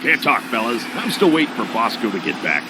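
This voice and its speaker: A man's voice: mid-range voice, big pitch swings, a little fast, noisy background, natural voice. An actor playing a dismissive, clipped, hardboiled male private eye in a cartoon noir video game.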